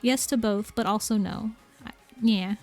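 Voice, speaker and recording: Give me a deadpan, flat-toned young woman, as a woman reads her. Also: medium pitch, measured pace, soft background music, natural voice. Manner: monotone, tacks "yeah" onto lines.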